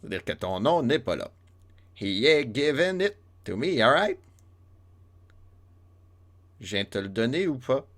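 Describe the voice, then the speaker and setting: A man's voice: mid-range voice, very animated, unhurried, pauses often, a bit bright. A man gives casual, playful commentary on a game, joking along as he plays. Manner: playful, joking, many fillers and restarts. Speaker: let's play host.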